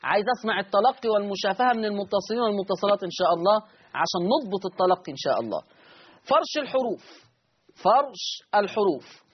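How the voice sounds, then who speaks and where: A man with an Egyptian accent teaching Quran recitation on a call-in lesson, repeating each point slowly so listeners can write it down. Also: high voice, animated, slightly rough, highs cut off. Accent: Egyptian Arabic.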